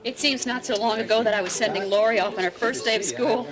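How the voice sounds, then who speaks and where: Female drama role for an actress: gracious, sentimental hostess mother, fairly high voice, guests chattering behind. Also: fast, natural voice, rough recording. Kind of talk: television drama acting. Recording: party crowd chatter behind.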